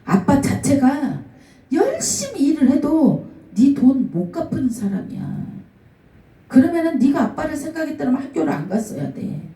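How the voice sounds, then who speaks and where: A woman's voice: high voice, normal speed. A middle-aged woman pastor preaching a sermon, telling stories about people she met and acting out their quoted words. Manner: storytelling with lively acted-out quotes. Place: church sanctuary. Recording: echoey room, mic at a distance.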